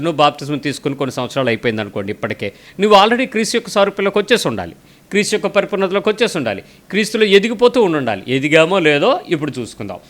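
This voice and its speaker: A male preacher talks fast in a higher voice and pushes hard with direct questions. He tells a story and quotes the people in it as he goes. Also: a bit bright. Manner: pressing, questioning, speaks straight at the listener. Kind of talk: sermon.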